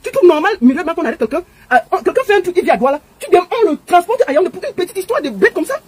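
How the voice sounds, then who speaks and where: A woman with a Cameroonian French accent delivers a scolding rant at breakneck speed. Her high voice leaps up and down as she stammers through repeated words. The tone stays indignant throughout. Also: very animated, very fast, darkish tone. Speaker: online commentator. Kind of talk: ranting commentary vlog.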